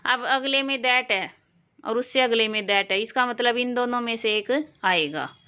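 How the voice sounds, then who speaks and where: A woman from Haryana leads an exam-prep lesson in a bright, clear, slightly high voice. She talks slowly and patiently, checking back with her students as she goes. The recording is a little dull and lo-fi. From Haryana, India. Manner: slow, explanatory, asks learners questions. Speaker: English teacher.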